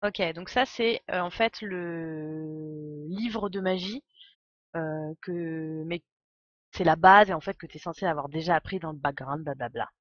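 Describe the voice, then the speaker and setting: With a cold and a low voice, a woman thinks aloud at an unhurried pace while casually commentating a live game, tossing chatty asides to her viewers. She's a game streamer, and faint game music plays behind her. The sound is dry, with no echo and the highs cut off.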